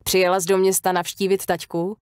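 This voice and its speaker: A woman's voice: fairly low pitch, flat delivery, clean tone, no room sound, clean studio sound, close to an everyday voice. Woman doing a kindly older diner owner. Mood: concerned. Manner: gentle, concerned.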